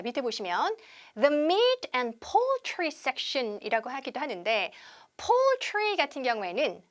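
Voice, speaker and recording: A woman teaching English conversation on a TV lesson, drawing out each model word slowly for viewers to repeat. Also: sits high. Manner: lively teacher, slow drawn-out model English words for repeating.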